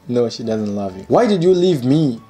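A young man in his twenties hosting his own channel, reading comments aloud and joking about them in a playful, animated way, recorded indoors by a window. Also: mid-range voice, a little slow, soft background music. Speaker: channel host. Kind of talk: casual comedic commentary. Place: indoor room by a curtained window.

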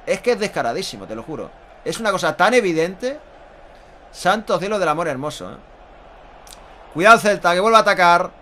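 A man's voice: sits high, very animated, fairly quick, long pauses, bright, forceful tone. A man in his thirties with an accent from Spain gives live Spanish football goal commentary as a fan, emphatic, repetitive and exclaiming. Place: small indoor room at home.

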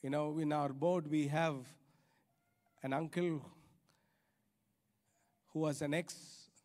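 A middle-aged man with an Indian accent delivers an emphatic sermon from a large church auditorium stage, repeating phrases to stress them. He talks slowly in a fairly high, steady voice with a darkish tone. The handheld-mic recording reverberates through the hall.

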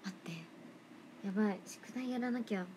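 Speaking at a normal pace in a mid-range voice, a young woman idol reads fan comments during a casual livestream. She's playful and chatty, occasionally dropping to a soft whisper right up against the mic, while the background is noisy.

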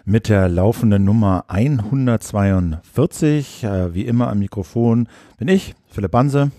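Low, dark-voiced male podcast host. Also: unhurried, no room sound, clean studio sound. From Germany. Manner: steady explanatory delivery with fillers. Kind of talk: political podcast chat and read ad.

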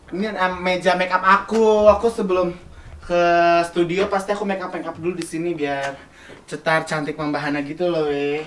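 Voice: medium pitch, flat delivery, moderate pace. Playful campy vlogger in an echoey room. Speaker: contestant giving a room tour. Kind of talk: casual vlog chat. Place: indoor hotel rooms. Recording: echoey room, distant mic, background noise.

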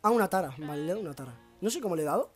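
A hoarse young man with a Spain Spanish accent, excitably commentating his own gameplay as a YouTuber, breaking into shouts and rambling. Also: high-pitched, rapid-fire, faint music behind. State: hoarse, sore throat. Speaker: gaming YouTuber.

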